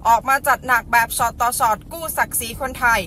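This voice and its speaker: A woman news presenter reading a scripted report in a crisp, formal, polite manner. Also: fairly high pitch, fairly even intonation, fast talker, bright, forceful tone, faint music behind.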